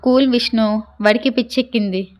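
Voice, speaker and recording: Steady young guy, coaxing and firm, read by a woman narrator. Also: on the high side, a little fast, natural voice. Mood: urging. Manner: calming, prodding.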